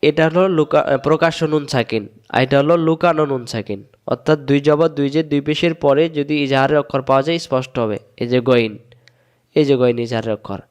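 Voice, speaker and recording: Patient Quran teacher drilling letters. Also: male voice, medium pitch, steady tone, clear, resonant tone. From Bangladesh. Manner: patient drilling, slow repeated chants of letter names. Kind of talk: online lesson.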